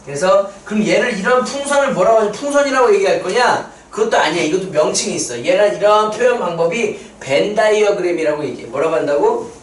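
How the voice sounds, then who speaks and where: At the board, a man with a high voice walks students through a math problem one step at a time, firing questions at them as he goes. The sound carries a faint hiss or hum, and the distant mic picks up plenty of room echo.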